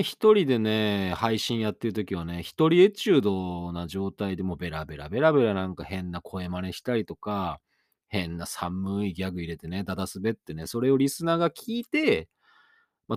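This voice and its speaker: A man hosting his own late-night radio talk, rambling along in a self-mocking way. His pitch swings widely, jumping up and dropping low within a sentence. The studio sound is dry and close. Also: dry recording. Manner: rambling, self-mocking, chatty with sudden high jumps. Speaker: radio DJ and podcast host. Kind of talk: casual solo radio talk.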